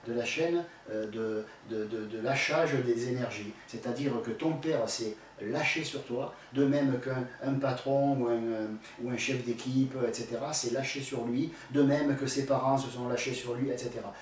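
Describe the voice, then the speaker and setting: A spiritual teacher answers a viewer's question, giving blunt, colloquial advice full of crude slang and fillers and speaking straight to the questioner. His medium-pitched voice is steady, at a moderate pace with hardly any pauses. The room is very echoey, he's far from the mic, and there's faint background noise.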